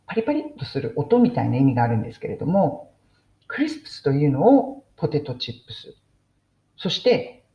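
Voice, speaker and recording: A woman talks through a relaxed English mini-lesson, chatty and full of friendly asides. Her pitch rises and falls in a very lively way. The recording sounds roomy and a little muffled. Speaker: English teacher podcaster.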